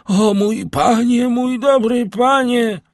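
Reading an audiobook in a clean studio with no room sound, a man voices a loyal, humble old male servant in an agonized mood. His own voice is medium-pitched, but he pitches the character higher, speaking very animatedly at normal speed.

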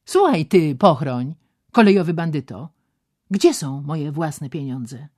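A woman's voice: low-pitched, expressive, takes it slowly, darkish tone, full character voice. Fierce trapped young woman voiced by a woman reader, scornful and defiant, storybook.

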